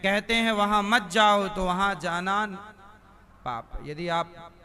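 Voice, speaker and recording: A man's voice: high voice, slow, bright, forceful tone. A man preaching a sermon, asking the audience questions and answering them with emphasis.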